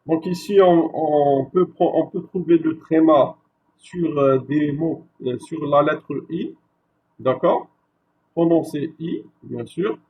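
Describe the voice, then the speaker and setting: A male university lecturer giving a classroom lecture, slow and repetitive, checking with his listeners after each point. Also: on the high side, lo-fi sound, slight background noise. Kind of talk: classroom lecture on French spelling.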